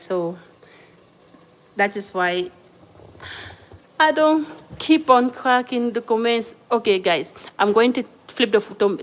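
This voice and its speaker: A woman's voice: mid-range voice, rough recording. A woman from Cameroon hosting a casual cooking livestream from her home kitchen, chatting with viewers and apologizing as she juggles tasks. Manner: chatty, greets viewers by name, apologetic while multitasking. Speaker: livestream host.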